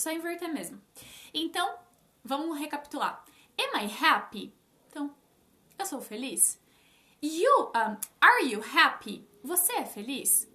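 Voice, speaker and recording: A young Brazilian woman teaching English in a casual live-stream lesson, speaking straight to her viewers and slowing down to stress her English examples. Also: sits high. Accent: Brazilian Portuguese. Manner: lively, talks directly to viewers, stresses English examples slowly. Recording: echoey room.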